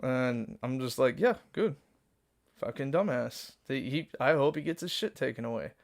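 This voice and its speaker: A male live streamer in a casual rant to his chat, animated and swearing, acting out quoted lines. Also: medium pitch, moderate pace, gravelly.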